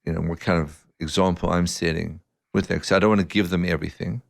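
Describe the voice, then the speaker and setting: A middle-aged man sits in for a casual podcast chat as the guest. His voice is low and gravelly, recorded close and dry. He tells stories at an easy pace and likes to poke fun at himself. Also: fast talker, no echo. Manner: relaxed anecdotal storyteller, self-mocking, laughs often. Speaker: guest, eye surgeon. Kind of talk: casual podcast interview storytelling.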